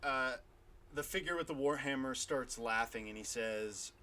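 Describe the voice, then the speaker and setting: A man narrating as game master of a tabletop game, unhurried and hesitant, with many fillers. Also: mid-range voice, bright, forceful tone, a little hiss or hum.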